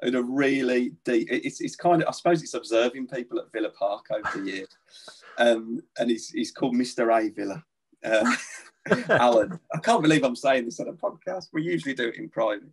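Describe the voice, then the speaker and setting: A man talks in a casual podcast chat as a guest actor. His voice is husky and mid-pitched, and he laughs at himself often. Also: fairly quick. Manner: self-deprecating, laughing.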